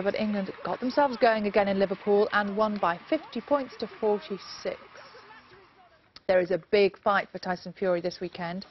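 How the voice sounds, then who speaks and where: A woman presenting a breakfast news sports bulletin in a brisk, chatty way. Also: mid-range voice, highs cut off, a little hiss or hum. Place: TV studio.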